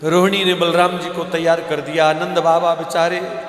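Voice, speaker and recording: A man's voice: a little high, level tone, fairly bright tone. A male devotional preacher telling a sacred story in an emotional, dramatic way. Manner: emotional, slow, dramatic narration. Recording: echoey hall with faint music.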